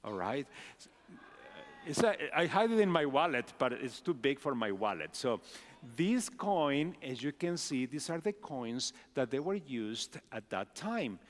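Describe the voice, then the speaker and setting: A man's voice: mid-range voice, big pitch swings, measured pace. A middle-aged male pastor giving a children's message, asking the children simple questions. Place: large church sanctuary. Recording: long hall reverb.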